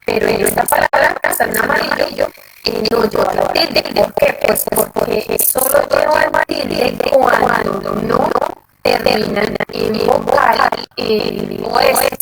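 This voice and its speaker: Teacher in an online class, extremely low and swooping, halting delivery with constant check-ins. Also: big pitch swings, vocal fry, background noise. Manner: checks in constantly with short questions, halting with fillers. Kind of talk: live online class lecture.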